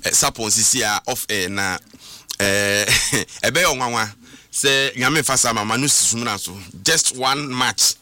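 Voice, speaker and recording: Bright-toned Ghanaian sports pundit. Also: male voice, mid-range voice, a little slow, no room sound. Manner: emphatic, mixing languages, repeats points. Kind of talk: casual sports talk.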